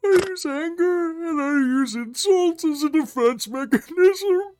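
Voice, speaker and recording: A man's voice: extremely high pitch, expressive, unhurried, darkish tone, soft background music, pitched above the performer's own voice. A man voicing a sensitive male bugbear who hides behind insults, talking in a sheepish, self-conscious way.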